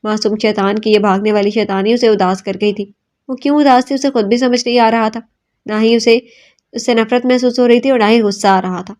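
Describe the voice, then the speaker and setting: A woman narrating a novel aloud in a steady, dramatic storytelling manner. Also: on the high side. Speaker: audiobook narrator.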